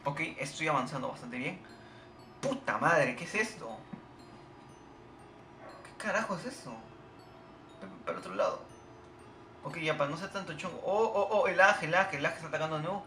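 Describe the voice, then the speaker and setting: Excitable swearing gamer with lively pitch. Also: male voice, normal speed, pauses often, slight background noise. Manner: excitable, swearing, shouting at the game. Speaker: gamer playing a game on video. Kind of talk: live gameplay commentary. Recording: echoey room with game music behind.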